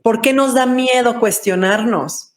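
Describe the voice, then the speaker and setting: A woman's voice: a little high, unhurried. A woman on a webinar panel, speaking thoughtfully with hesitant restarts.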